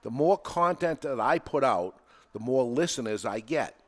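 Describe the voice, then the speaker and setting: This podcast host, a man with a New England accent, talks live in the studio in a mid-range voice at normal speed. His style is straightforward and energetic, driving every point home.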